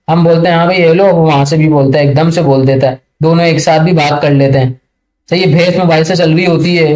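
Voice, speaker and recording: A man teaching a networking lesson over a screen share, chatty and often checking that listeners follow, reading English passages slowly and haltingly. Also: fairly high pitch, a little mellow. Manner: chatty, keeps checking understanding. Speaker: networking tutor.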